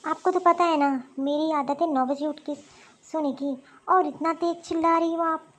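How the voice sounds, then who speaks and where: A spoiled young daughter-in-law, voiced by a woman, orders her mother-in-law about in a cartoon. Her voice sits high and sounds haughty and demanding. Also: steady tone, unhurried. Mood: scornful. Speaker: voice actor. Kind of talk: cartoon voice acting.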